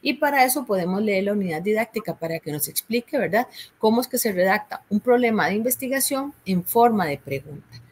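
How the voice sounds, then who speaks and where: A woman's voice: medium pitch, lively intonation, a little fast, husky. A woman with a Costa Rican accent, a university tutor patiently explaining a course assignment, often checking in with "¿verdad?". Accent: Costa Rican Spanish.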